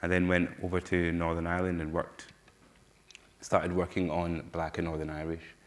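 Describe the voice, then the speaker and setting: A middle-aged Glaswegian man with a broad Scottish accent tells a personal story to a conference audience. His very low voice stays monotone, and he speaks earnestly but haltingly, stopping and restarting his sentences often.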